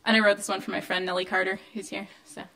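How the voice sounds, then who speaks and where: A woman poet reading her own poems to a live audience indoors, measured and deliberate, with loose, um-filled asides between poems. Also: mid-range voice, little pitch movement, sharp tone. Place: indoor venue of a reading series.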